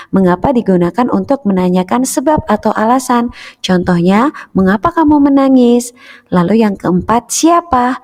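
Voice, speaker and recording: A woman teacher reading a school lesson aloud to children in a clear, measured way, often starting with "nah". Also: medium pitch, a little mellow. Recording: echoey room with long reverb.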